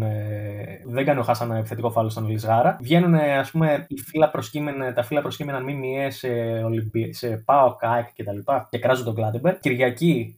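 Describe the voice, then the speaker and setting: Young man, mid-pitched, co-host of a football podcast, jokey and chatty. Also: darkish tone. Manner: joking, introduces the episode's segments. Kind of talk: casual football podcast chat.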